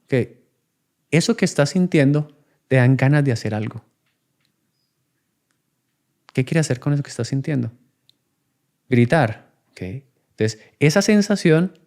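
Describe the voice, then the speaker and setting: A man's voice: medium pitch, animated, normal speed, long pauses, a little mellow. A man, talking in a reflective, conversational way as a podcast guest, acting out children and parents in his examples. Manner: acts out child and adult voices in examples.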